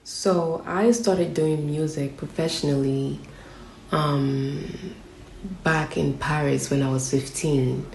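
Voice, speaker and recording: A young woman from Nigeria, a rapper, speaks in a deep, flat, gravelly voice. She answers steadily and thoughtfully, pressing harder when she states an opinion. The room is echoey, with a faint hum of ambience behind her. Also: slow pace. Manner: reflective, steady, grows emphatic on strong opinions. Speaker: rapper interviewed as guest. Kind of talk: relaxed interview answers. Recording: roomy echo with faint background ambience.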